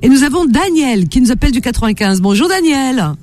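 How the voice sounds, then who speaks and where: A woman's voice: sits high, very animated, brisk, darkish tone, faint music behind. A woman hosting a radio phone-in for small ads, chatting casually in a playful, teasing, informal way. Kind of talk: casual live radio chat.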